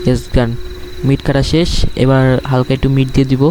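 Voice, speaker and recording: Man, Bangladeshi accent, middle-pitched voice, scared horror game streamer, casual running commentary, jittery reactions, noticeable background noise. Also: flat delivery, quick pace. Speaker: gaming streamer.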